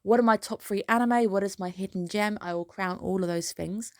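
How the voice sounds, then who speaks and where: A woman with a medium-pitched voice, a little under the weather, hosts her channel's anime episode breakdown, speaking fairly quickly. She's chatty and opinionated, voicing her dislikes emphatically, and the recording is dry with clean studio sound.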